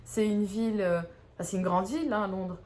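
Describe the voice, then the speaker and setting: A young woman talks casually to her vlog audience. She is chatty and hesitant, often pausing, and pokes fun at herself. Her voice sits at a middle pitch. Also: darkish tone, slight background noise. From Belgium. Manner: chatty, hesitant, self-mocking. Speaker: vlogger.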